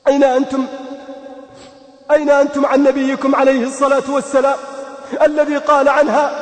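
A man preaching an impassioned sermon, telling a story in the first person and pleading with rhetorical questions. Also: very high voice. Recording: echoey hall with long reverb.

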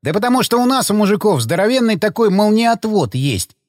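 Man doing a brash joking stalker, pitched high. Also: big pitch swings, a little fast, dry recording, clean studio sound. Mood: cocky. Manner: wisecracking, boastful, loud. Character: brash wounded male stalker, joking and crude. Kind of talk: audiobook character voice.

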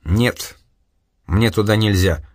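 A man's voice: on the low side, animated, a little slow, a bit bright, no echo, studio quality. A man reading an audiobook, voicing a sincere, naive young man who has lost his memory, speaking hesitantly. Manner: hesitant, earnest.

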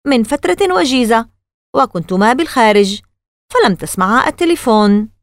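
A woman doing a calm, secretive scientist father. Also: a little high, normal speed, no echo, clean studio sound. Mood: cagey. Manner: calm, evasive, mysterious.

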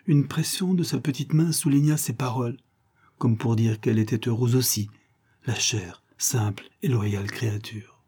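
A man narrating a classic novel as an audiobook, reading expressively with hushed asides. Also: mid-range voice, moderate pace, breathy edge.

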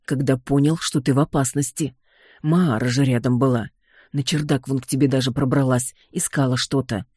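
A reader voicing a calm, dryly affectionate young sorcerer who heads his clan, in an audiobook. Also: medium pitch, normal speed, slightly rough, no room sound, studio quality, close to an everyday voice.

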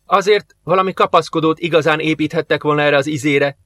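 A man's voice: a little high, steady tone, fairly bright tone, no room sound, pitched above the performer's own voice, natural voice. A man doing a wry young female soldier.

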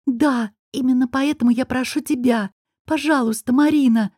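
A woman doing a tearful young female student mage, pitched high above her normal voice, sobbing and pleading, sliding into shrill accusations. The tone is warm and a little breathy, read close and dry for an audiobook. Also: normal speed, no room sound.

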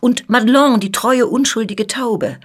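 A woman's voice: medium pitch, animated, moderate pace, lightly acted. A woman reading as an indignant, pleading noblewoman. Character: older noblewoman, upright and shocked.

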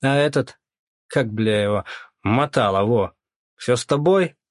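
A man voicing a burly, jovial middle-aged police captain with loud, crude, back-slapping banter. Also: mid-range voice, a little slow, no room sound, studio quality, natural voice. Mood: hearty.

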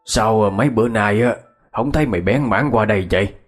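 A man doing a gruff, teasing old villager. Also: lowish voice, a little fast, soft background music, close to an everyday voice. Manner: blunt, scolding in jest.

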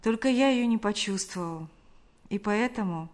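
A woman reading an audiobook, voicing a tender, remorseful young man in love in a soft, gentle voice. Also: mid-range voice, normal speed, natural voice.

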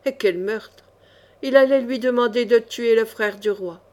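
Woman reading an adventure novel aloud, kinda high voice, steady and expressive. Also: a little slow. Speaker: audiobook narrator. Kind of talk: swashbuckling novel narration.

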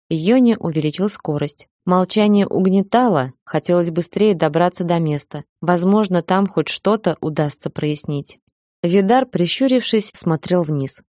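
A woman narrating an audiobook in a steady, measured reading voice. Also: on the low side, no echo, studio quality. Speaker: audiobook reader.

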